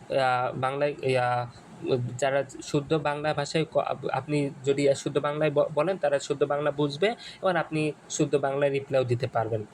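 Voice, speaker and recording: A man from Bangladesh guiding viewers step by step through a phone screen, talking in a halting way with many restarts and repeated phrases. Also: fairly high pitch, a little hiss or hum, poor audio. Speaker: Arabic course instructor. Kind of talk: screen-share tutorial walkthrough.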